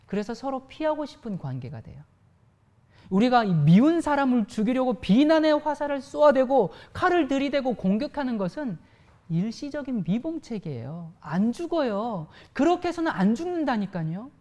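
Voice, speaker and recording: Expressive woman preacher. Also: on the high side, normal speed. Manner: expressive, addresses congregation directly. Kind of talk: sermon.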